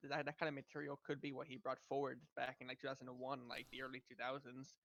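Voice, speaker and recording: Flat, gravelly man on dull audio. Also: medium pitch, fast talker. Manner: hesitant, many "like" fillers. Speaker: podcast guest. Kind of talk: casual podcast chat.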